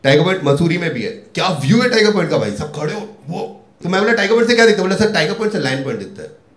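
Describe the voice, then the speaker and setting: A man from India performs stand-up comedy in an echoey venue. His voice sits fairly high. He acts out quoted dialogue and swings between loud shouts and low mutters. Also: very animated, very fast.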